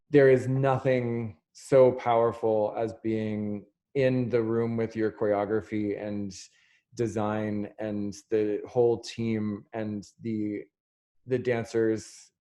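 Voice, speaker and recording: Guy moderating an artist chat on a video call, slow easy talk, kinda dark mellow voice, lots of ums. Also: medium pitch. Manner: unhurried, warm thanks with many fillers. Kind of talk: closing remarks in a video chat.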